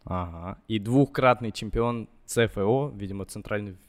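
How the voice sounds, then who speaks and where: A man with a fairly low voice co-hosts a podcast. He reads out the topic and the guest's titles in a playfully official, announcing way. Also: moderate pace. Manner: announces with mock formality. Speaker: podcast co-host. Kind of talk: casual podcast talk.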